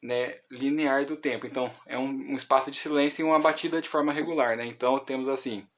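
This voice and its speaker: A man's voice: medium pitch, fairly even intonation, fast talker, a bit bright, a little hiss or hum. Brazilian man teaching music theory. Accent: Brazilian Portuguese. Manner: explanatory, many fillers and restarts. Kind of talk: online music lesson.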